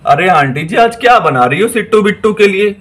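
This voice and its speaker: High-ish guy narrating a doll story, eager, keeps exclaiming and repeating. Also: expressive, fairly quick, a bit bright.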